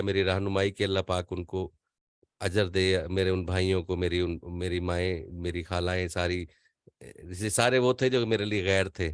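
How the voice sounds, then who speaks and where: Older man teaching in a low, dry voice. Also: clear, resonant tone, no echo. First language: not Urdu. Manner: earnest, rambling, drops into quick impressions. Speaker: voice-over teacher. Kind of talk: online class talk.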